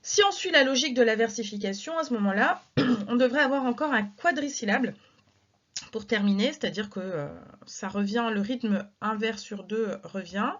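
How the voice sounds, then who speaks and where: Woman teacher going over corrections, counts syllables out loud, slightly high voice, slow and careful, muffled lo-fi sound. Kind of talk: recorded lesson correcting exercises.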